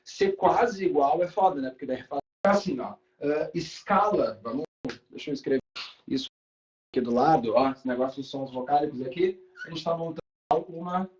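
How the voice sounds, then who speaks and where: A man's voice: on the high side, moderate pace, dull audio. A young adult man, teaching a live online class in a casual, chatty way with light swearing. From Brazil.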